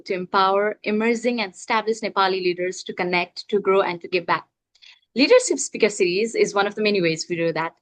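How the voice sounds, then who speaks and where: A woman's voice: medium pitch, dry recording. Woman hosting an online speaker event. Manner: friendly, encouraging audience to interact. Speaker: event host. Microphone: video call.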